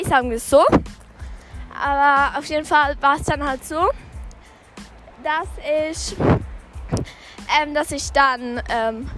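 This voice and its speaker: Young female podcast host, high-pitched, speaking while out jogging; informal, halting, self-correcting delivery over background music. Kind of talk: casual spoken podcast monologue.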